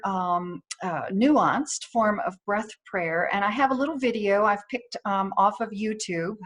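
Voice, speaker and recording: Woman chaplain giving gentle, reassuring guidance. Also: mid-range voice. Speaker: chaplain giving a weekly wellness tip. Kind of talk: informal spoken guidance on breath prayer and spirituality.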